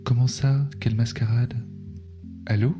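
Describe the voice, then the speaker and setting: A man's voice: mid-range voice, level tone, moderate pace, lo-fi sound, music in the background, natural voice. A man playing a naive, evasive crewman in a comic audio drama, mild and a little hesitant. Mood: oblivious, mild. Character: cheerfully oblivious, evasive crewman calling by radio.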